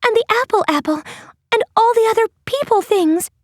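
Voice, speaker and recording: An earnest wooden puppet teenage girl who talks high and flustered, as a woman reader puts her on. Her voice lifts with every worry. The audiobook recording is dry and close. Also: expressive, normal speed, no echo. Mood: anxious.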